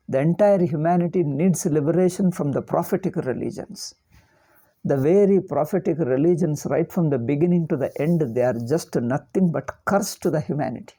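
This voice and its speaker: Older speaker, South Indian accent, soft mellow tone, husky, informal spiritual discourse, emphatic repetition. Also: medium pitch. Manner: repeats words and phrases emphatically. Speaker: spiritual teacher.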